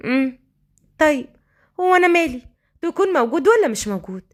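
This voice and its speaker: A woman voicing a defiant young tissue seller with an Egyptian accent, talking in a quick, sharp-tongued way. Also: on the high side, big pitch swings.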